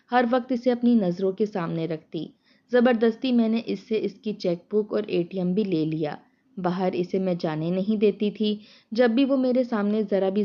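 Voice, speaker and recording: A woman narrating a dramatic first-person story in a steady storytelling voice. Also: mid-range voice. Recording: dull lo-fi sound.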